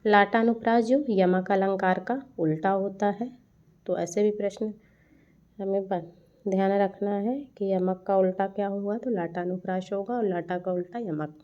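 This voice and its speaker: Woman teacher, reciting and explaining verse, unhurried delivery, soft dark tone. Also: mid-range voice, steady tone. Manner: recites verse lines slowly, then explains them. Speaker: Hindi teacher. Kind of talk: lecture on poetic figures of speech. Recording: dull lo-fi sound.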